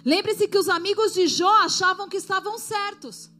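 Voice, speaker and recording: A woman's voice: very high voice, moderate pace, sharp tone, soft background music. A woman pastor preaching a sermon to a congregation, exhorting them and asking for their response.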